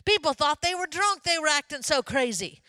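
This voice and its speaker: A woman pastor preaching a sermon in a lively, conversational way, often turning to ask the congregation questions. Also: high voice, normal speed, no room sound.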